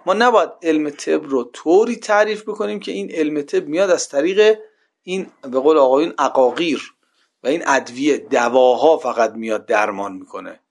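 A man's voice: fairly high pitch, creaky. A man giving a religious lecture to a class in a conversational way, often posing rhetorical questions and checking that listeners follow.

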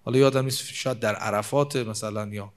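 A man with a lowish voice and fairly even intonation delivers a sermon from the pulpit. When quoting scripture he slows considerably, and his delivery shifts back and forth between loud and quiet.

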